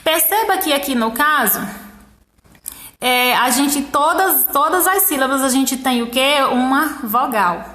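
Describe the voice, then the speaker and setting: A woman teacher with a Brazilian Portuguese accent, explaining a workbook lesson to young children and counting syllables slowly one by one. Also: sits high, animated, sharp tone, echoey room. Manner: slow, syllable-by-syllable counting, encouraging. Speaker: primary school teacher.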